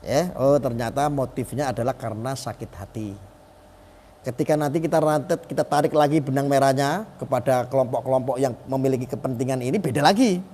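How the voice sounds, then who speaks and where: A man's voice: mid-range voice, brisk, dark tone, long reverb tail, slight background noise. A middle-aged man giving emphatic live-stream commentary, asking rhetorical questions and acting out quoted voices.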